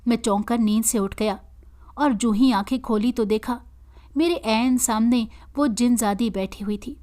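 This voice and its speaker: A woman storyteller reading a moral story in an earnest, steady way. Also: fairly high pitch, measured pace. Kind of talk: scripted story narration.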